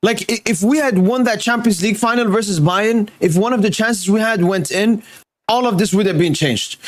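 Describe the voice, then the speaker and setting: A man's voice: high-pitched, moderate pace. A man in his early twenties reading out a football ranking, heated and swearing often in casual chat. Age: 20s. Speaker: podcast co-host reading the list.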